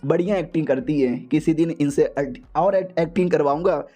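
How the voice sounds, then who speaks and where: A man voicing a cocky, bossy young male hero in a low, slow, smug drawl. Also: mellow, faint music behind, lightly acted.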